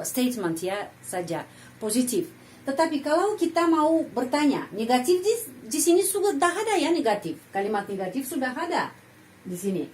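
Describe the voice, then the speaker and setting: A woman teaching a language lesson, patiently explaining grammar and slowly repeating example sentences. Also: a little high, darkish tone, rough recording.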